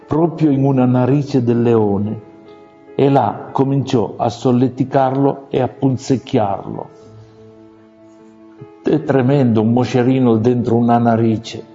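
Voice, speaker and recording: A man narrating a fable for listeners, gently speaking to them directly. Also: medium pitch, steady tone, unhurried. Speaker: storyteller. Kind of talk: storybook narration. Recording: long reverb, muffled, faint music.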